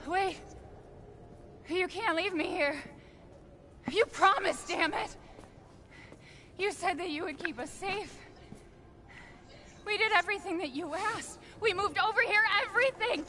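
A woman's voice: very high voice, measured pace, long pauses. An actress voicing a desperate young mother in a video game, pleading and accusing. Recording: game audio with background noise.

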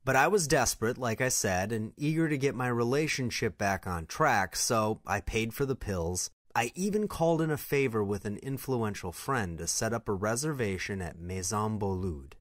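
A man's voice: fairly low pitch, expressive, moderate pace, hardly any pauses, no echo, studio quality. A man reading a scripted first-person story in a confessional tone.

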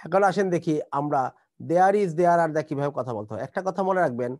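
A man's voice: a little high, expressive, a little fast, a little mellow, no room sound, studio quality. A man teaching an online English class, explaining grammar and mixing languages. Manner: explaining, switching between languages.

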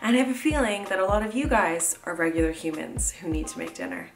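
A woman's voice: medium pitch, animated, fast talker. A woman in her thirties talking casually and playfully to the camera while cooking dinner in her home kitchen. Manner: chatty, upbeat and playful, slangy asides. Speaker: lifestyle vlogger. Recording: roomy kitchen with faint music.

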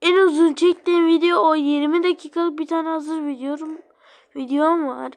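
A woman's voice: sits high, fairly even intonation, normal speed, darkish tone. A woman making a gaming video, chatting casually to viewers. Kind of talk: casual gameplay commentary.

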